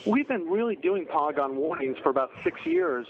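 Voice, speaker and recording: Phone-in guest: man with a higher voice, patient explainer, heard over a tinny phone line. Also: huge pitch swings, a little fast, slight background noise. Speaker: meteorologist in charge of a local weather office.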